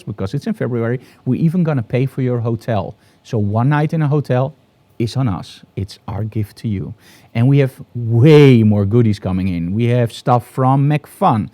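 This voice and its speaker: Broadcasting live from his studio, this Dutch-accented photography host, a middle-aged man, promotes with upbeat enthusiasm. He speaks in a mid-range voice with a dark tone.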